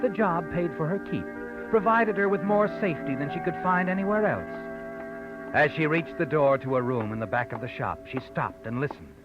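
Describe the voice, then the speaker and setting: An actor playing a sinister, all-knowing night wanderer who narrates a 1940s radio drama in a theatrical manner. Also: male voice, on the high side. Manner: ominous, theatrical. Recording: dull 1940s radio recording.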